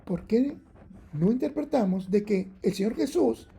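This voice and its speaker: Male preacher, sermon delivery; dark, raspy, gravelly; drives points home by repetition. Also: high-pitched, expressive, unhurried. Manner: emphatic, repeats key points over and over; argumentative, challenges rival readings. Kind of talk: Bible-teaching sermon.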